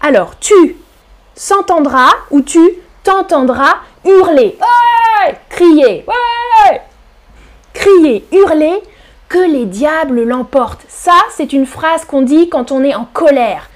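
A woman teaching French on a live stream, explaining slowly and clearly and now and then singing lines of a song. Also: sits high, animated. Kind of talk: live-streamed language lesson.

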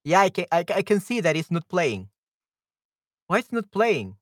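A man's voice: high-pitched, very animated, normal speed, no echo. A man hosting a livestream, chatting casually and hesitantly, thinking aloud as he goes, close to the microphone. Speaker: livestream host. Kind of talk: casual livestream chat, troubleshooting audio.

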